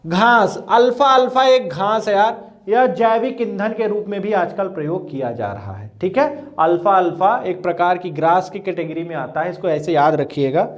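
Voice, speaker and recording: A man's voice: high voice, lively intonation, moderate pace, few pauses, lo-fi sound. A male teacher, running a live online exam-prep class and drilling terms, checking again and again that students follow.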